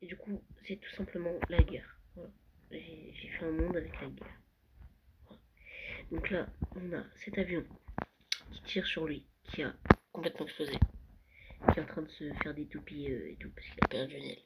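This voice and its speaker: A young vlogger touring a Minecraft world late at night, often whispering and speaking softly. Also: medium pitch, steady tone, moderate pace, vocal fry, long pauses, low-quality recording. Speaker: gaming vlogger. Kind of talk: casual Minecraft world tour. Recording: loud background noise.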